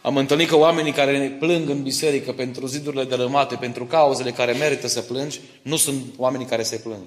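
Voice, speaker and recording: A man's voice: medium pitch, steady tone, few pauses. Middle-aged man preaching in an echoey hall. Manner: personal stories mixed with Bible teaching, asks listeners for agreement. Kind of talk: sermon. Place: church hall.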